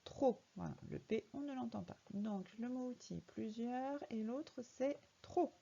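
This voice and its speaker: A woman's voice: fairly high pitch, unhurried, gravelly, mellow, husky, dull audio. A woman teaching a young child to read in a recorded lesson, patiently spelling words out letter by letter. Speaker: primary school teacher.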